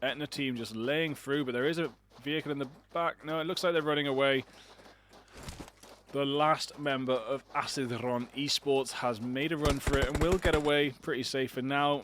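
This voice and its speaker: A man calls an online shooter match on his own. He talks in a chatty, rambling way at a middling pitch and drifts into self-deprecating asides. A faint hiss and a few clicks sit under his voice. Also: moderate pace, fairly bright tone. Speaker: esports caster. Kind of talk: solo game commentary.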